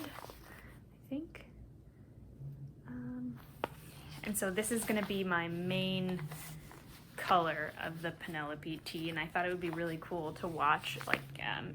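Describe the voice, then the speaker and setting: A woman from Minnesota chats casually through her knitting podcast, rambling from one thought to the next. She talks at an ordinary middle pitch and laughs softly now and then. A faint hum of background noise sits under her voice. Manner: chatty and rambling, with soft laughs. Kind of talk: casual chat.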